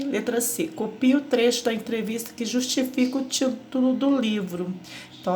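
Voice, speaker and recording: A woman's voice: a little high, a little hiss or hum. A Brazilian woman teacher with a patient manner, explaining a workbook lesson to children and checking in often. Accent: Brazilian Portuguese.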